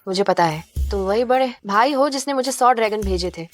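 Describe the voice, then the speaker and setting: A woman's voice: medium pitch, lively intonation, brisk, natural voice. An actress dubbing a coy, calculating young female livestreamer who speaks in a teasing way over faint music. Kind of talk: dubbed drama dialogue.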